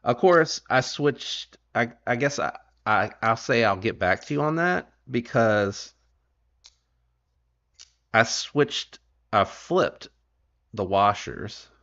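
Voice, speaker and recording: A man's voice: mid-range voice, expressive, slow, pauses often, a bit bright. Easygoing man on a dull livestream. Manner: rambling, self-correcting and easygoing. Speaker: knife channel host. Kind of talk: casual livestream chat. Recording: dull lo-fi stream audio.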